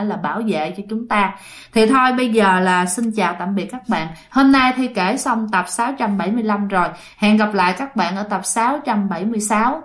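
A woman with a Southern Vietnamese accent telling true ghost stories to her listeners in a casual, chatty way, as the host of her own show. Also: medium pitch. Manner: chatty, addresses listeners directly. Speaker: storyteller host.

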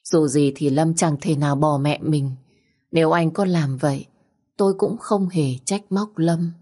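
A woman narrating a dramatic story in the first person, with steady, dramatic storytelling. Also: low-pitched, measured pace.

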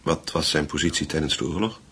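A male actor with a husky, extremely low voice performs in a Dutch radio play as a grave, methodical investigator piecing together a wartime secret. His delivery is measured and deliberate, thoughtful and probing in mood, with a noisy background.

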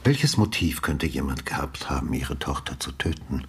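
In a radio drama, an actor gives a full character voice to a retired police detective, an older man who is calm and courteous and asks his questions methodically and in measured fashion. His bass is husky and breathy, and the mood is one of calm probing.

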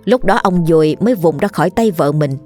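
A woman narrating a ghost story in a steady storytelling manner, voicing the characters. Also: on the low side, a little fast, faint music behind.

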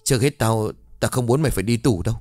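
A man voicing a young man who calmly and firmly reassures his friend. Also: mid-range voice, fast talker, no echo, faint music behind, natural voice. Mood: calming.

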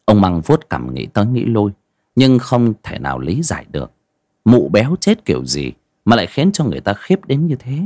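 A man narrating a horror story in an expressive, dramatic way. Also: fairly low pitch, moderate pace, dry recording.

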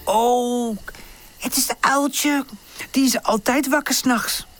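A woman's voice: high voice, steady tone, slow, a bit bright, soft background music, voice pushed up. A woman voicing a drowsy, self-assured female cat in a children's storybook. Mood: knowing. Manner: drowsy and knowing.

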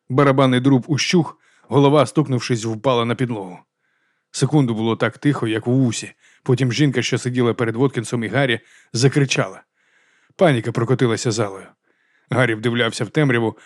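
A man reading a crime thriller aloud as an audiobook narrator, in a measured, even storytelling delivery. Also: medium pitch, no room sound, clean studio sound. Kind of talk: scripted narration.

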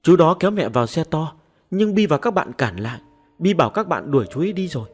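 A sulky little ghost girl, as a man puts her on for an audio story, high and childish, pleading through tears. The voice is husky and swings wildly up and down. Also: very animated, fast, darkish tone. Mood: stubborn.

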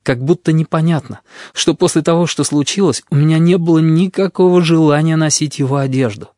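A man narrating a novel in the first person, reading in a measured, quiet way. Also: on the high side, no room sound, studio quality. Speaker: audiobook narrator.

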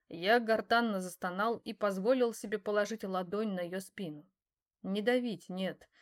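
A woman reading a first-person novel aloud as an audiobook, in steady, even storytelling. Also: medium pitch. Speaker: audiobook reader.

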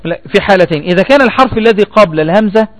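A man's voice: sits high, lively intonation, very fast. A man with an Egyptian Arabic accent teaching a spelling lesson, asking the class questions and repeating their answers.

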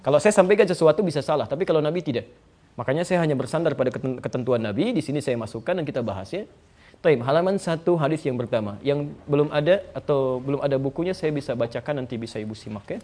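A man teaching a religious study class with a quick, rapid delivery and a fairly high voice. He talks conversationally, keeps putting questions to his listeners and speaks to them directly in a lecture hall. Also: dark tone. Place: lecture hall with live audience.

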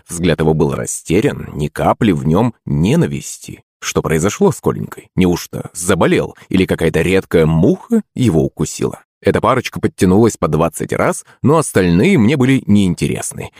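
A man's voice: low-pitched, a little mellow, breathy edge, no echo, studio quality. A man narrating a first-person audiobook.

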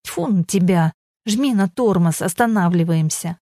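A woman voicing a gruff man who shouts and swears while teaching someone to drive, in an audiobook. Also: on the low side, expressive, unhurried, no room sound, clean studio sound. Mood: exasperated shouting.

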